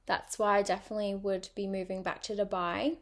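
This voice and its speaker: On her own podcast, a young woman chats informally in a personal monologue, speaking briskly with a level tone and a mid-range pitch. She sounds partly British, with a mixed British and international accent, and leans heavily on fillers like um and like.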